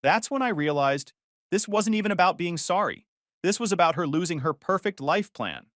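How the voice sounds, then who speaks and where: A man reads first-person stories in a steady, scripted narration at normal speed, his pitch rising and falling lively through every line. The recording is dry and close, with no sense of a room.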